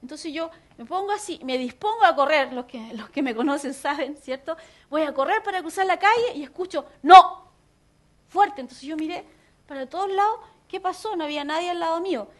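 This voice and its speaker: High-voiced Chilean woman pastor preaching. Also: a little fast. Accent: Chilean Spanish. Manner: animated, conversational, with jokes and audience laughter. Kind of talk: sermon teaching.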